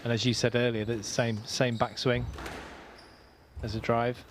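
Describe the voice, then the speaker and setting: A man's voice: mid-range voice, level tone, unhurried. Guy commentating squash, chatty and easygoing, mid voice, faint crowd hall noise. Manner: chatty, laughs easily, conversational. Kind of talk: live sports commentary.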